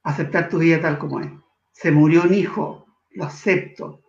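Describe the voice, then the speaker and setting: A man from Chile, a guest in an interview, speaking in an earnest, measured way that slows for emphasis. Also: fairly high pitch, fairly even intonation, vocal fry, darkish tone, echoey room, highs cut off. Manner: earnest, measured, shifts between slow emphasis and quick asides. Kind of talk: reflective interview talk.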